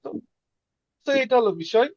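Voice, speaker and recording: A man teaching a casual beginner lesson, repeating words slowly for learners. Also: a little mellow, no room sound, muffled recording. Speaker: Russian language teacher.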